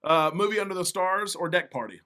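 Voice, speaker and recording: A man hosting a casual interview, agreeable and quick to echo short affirmations. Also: high voice, animated, bright, forceful tone, smooth. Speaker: interview host.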